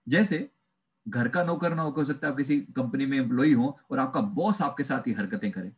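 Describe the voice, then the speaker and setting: A man's voice: medium pitch, normal speed. A man, a life coach, giving a spiritual motivational talk and acting out little dialogues as he goes. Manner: animated, acts out dialogue, mixes in English phrases.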